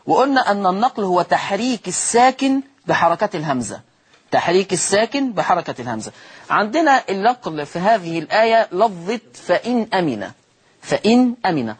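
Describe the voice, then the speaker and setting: A high, breathy male voice leads a televised Quran recitation lesson in Egyptian Arabic. Each example word gets repeated and drawn out, and he poses questions only to answer them himself.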